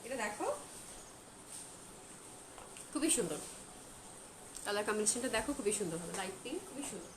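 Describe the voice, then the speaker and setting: A woman's voice: mid-range voice, expressive, brisk, pauses often. A woman selling clothes on a live stream, chatting and gushing over each dress while slipping in English phrases. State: feeling hot. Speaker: online clothing seller. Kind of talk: live-stream product showcase. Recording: echoey room with loud background noise.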